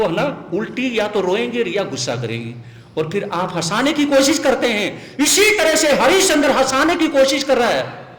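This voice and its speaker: A male monk delivers a storytelling sermon with dramatic, emotional swings, often checking his listeners' agreement. His voice is high for a man and rings through a reverberant hall with a long tail. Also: fairly bright tone. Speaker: Jain monk preacher.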